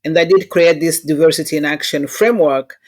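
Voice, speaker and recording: Speaking fairly quickly with a low pitch and fairly even intonation, a woman with a Rwandan accent answers interview questions. She is a diversity consultant whose earnest, instructive replies and anecdotes are conversational and carry non-native phrasing.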